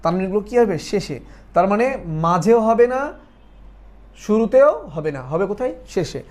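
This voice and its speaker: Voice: medium pitch, lively intonation, moderate pace, a little mellow. Patient teacher drilling by question and answer. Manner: asks questions and answers them, repeats for drilling; patient step-by-step explaining. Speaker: Quran recitation teacher. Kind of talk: online lesson.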